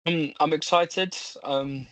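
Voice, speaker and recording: A man's voice: a little high, steady tone, slow pace, a bit bright. A man chats casually as a fan guest on a podcast. His voice sounds dry, with no room echo.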